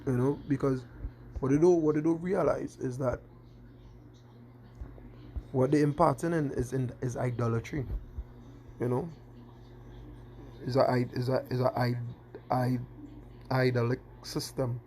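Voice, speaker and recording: A man's voice: medium pitch, steady tone, unhurried, long pauses, warm tone, slight background noise. A man preaching a scripture-quoting sermon, constantly asking "you understand?". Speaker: street preacher.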